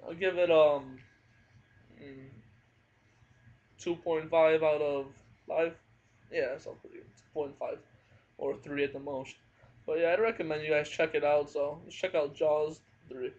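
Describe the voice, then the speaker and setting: A man's voice: fairly high pitch, level tone, unhurried, pauses often, darkish tone. A man giving a casual spoken movie review at home, hesitant and full of fillers. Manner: hesitant, frequent fillers and hedging. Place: at home, family nearby. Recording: dull lo-fi home recording.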